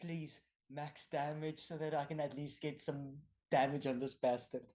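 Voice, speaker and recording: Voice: medium pitch, fairly even intonation, moderate pace, mellow. Eager tabletop game player. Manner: eager, pleading for big damage rolls.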